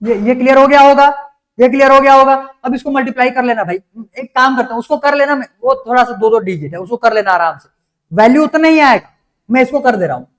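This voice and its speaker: A man, teaching a class. He works through each step slowly and often stops to ask whether the students follow. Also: very high voice, a bit bright. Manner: explains step by step, keeps asking if it is clear. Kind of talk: classroom lecture.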